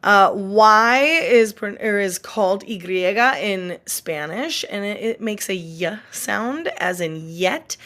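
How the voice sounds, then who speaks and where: A woman gives a recorded online lesson as a teacher, at an ordinary medium pitch. She explains patiently and says each example word slowly and clearly. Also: fairly bright tone. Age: adult. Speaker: Spanish teacher.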